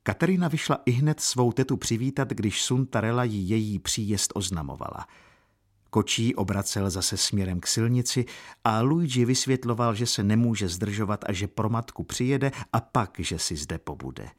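Husky male audiobook narrator. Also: on the low side. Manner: steady, measured storytelling. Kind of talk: scripted narration.

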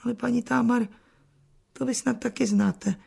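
An actress playing a put-upon old spinster housekeeper who grumbles dryly in a chatty radio play. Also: female voice, on the high side, fairly even intonation, vocal fry, husky, exaggerated voice. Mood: rueful. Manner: dry, chatty complaining with soft asides.

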